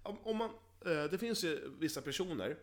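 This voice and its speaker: Crude, joking young man with a higher voice. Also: expressive. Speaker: podcast co-host. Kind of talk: casual chat.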